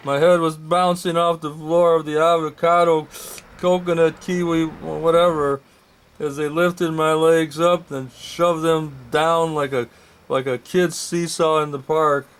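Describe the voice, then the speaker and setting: A man's voice: a little high, flat delivery, measured pace, clean tone. A man telling a first-person story, rambling and correcting himself with comic asides.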